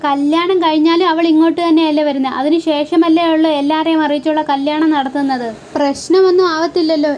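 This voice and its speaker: A woman recapping a television serial episode, reading out every role's lines in one plain, even voice. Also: sits high, brisk, few pauses, slight background noise. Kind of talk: reading out soap opera dialogue.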